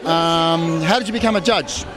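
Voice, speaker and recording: A man's voice: fairly high pitch, normal speed, low-quality recording. A man interviews guests casually as a red-carpet event host. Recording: music behind the voice.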